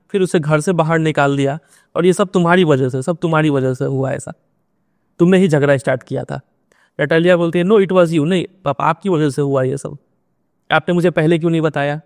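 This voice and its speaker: A man, working as a teacher, explaining a textbook play line by line. He reads each quoted line slowly, then explains what it means. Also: on the high side, no echo, studio quality.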